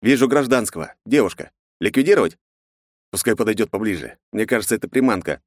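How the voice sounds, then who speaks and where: A man's voice: on the low side, animated, fast, no echo, studio quality, pitched above the performer's own voice. A man voicing a cold armored male clone soldier who speaks in clipped commands, in a storybook reading.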